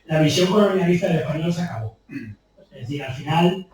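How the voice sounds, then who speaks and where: This Spanish copy editor's informal public talk, full of anecdotes and added rhetorical questions, takes place in a bookshop event room and is recorded distantly with heavy echo. His voice is fairly high-pitched and a little mellow, and he talks a little fast.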